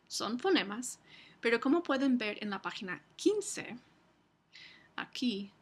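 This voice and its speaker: A woman university lecturer giving a recorded lecture, explaining slowly with frequent fillers and restarts. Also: a little high, husky.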